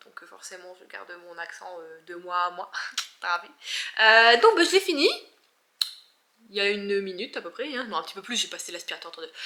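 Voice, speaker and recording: A young woman from northern France with a northern French accent, chatting casually in a book vlog with lots of fillers. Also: medium pitch. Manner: chatty, animated, many fillers. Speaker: book vlogger.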